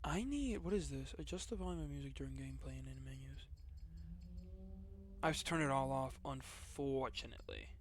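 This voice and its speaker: A man's voice: mid-range voice, normal speed, slight background noise. A young man giving casual gameplay commentary, rambling and stumbling over his words. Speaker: gamer.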